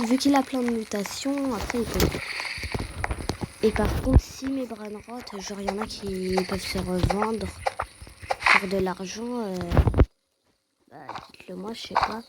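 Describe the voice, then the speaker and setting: A young woman giving casual gameplay commentary, hesitant with fillers, often exclaiming and repeating words when excited. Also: mid-range voice, heavy background noise. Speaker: gaming youtuber.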